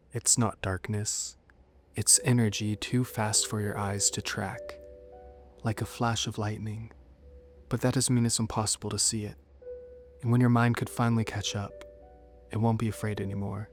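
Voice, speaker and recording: A man voicing a seductive, menacing female demon in a horror story, coaxing and cryptic, with soft whispered turns. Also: lowish voice, level tone, moderate pace, faint music behind, close to an everyday voice. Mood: hypnotic, inviting.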